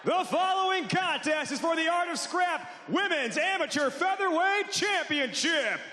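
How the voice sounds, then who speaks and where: A man announcing a fight to an arena crowd, calling out names in drawn-out booming calls. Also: expressive, pushed and bright. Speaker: ring announcer. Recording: echoey arena with long reverb.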